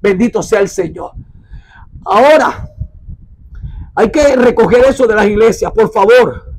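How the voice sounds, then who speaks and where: A man preaching a sermon and reading from the Bible, emphatic, repeating phrases and slowing down to stress words. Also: sits high, lively intonation, darkish tone, a little hiss or hum, low-quality recording. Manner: urges listeners to mark their Bibles.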